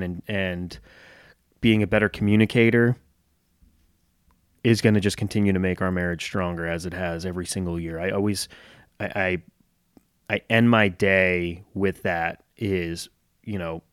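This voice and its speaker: Low-voiced man musing in a dry close mic. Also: clean tone, no echo. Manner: candid, self-reflective, joking with occasional swearing. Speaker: podcast host and gym owner. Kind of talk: solo casual podcast monologue.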